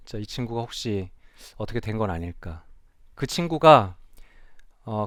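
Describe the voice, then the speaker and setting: A man's voice: mid-range voice, clear, resonant tone, no room sound, studio quality. A man who is a child and adolescent psychiatrist, giving a reflective, earnest public talk on stage and asking the audience questions. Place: stage before a live audience.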